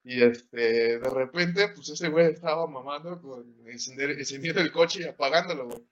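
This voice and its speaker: A young man with a Mexican Spanish accent tells a rowdy story in casual chat, swearing freely and piling on slang. His voice sits a little high. The recording sounds muffled and lo-fi. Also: moderate pace, fairly bright tone. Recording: dull lo-fi sound.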